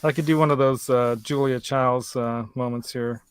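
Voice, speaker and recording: A man's voice: mid-range voice, fairly even intonation, normal speed, clean tone. A man hosting a casual show from his home workshop, chatting and joking while he works, laughing often and thinking aloud. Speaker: host. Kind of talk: casual chat while working on a guitar. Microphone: desk mic close by.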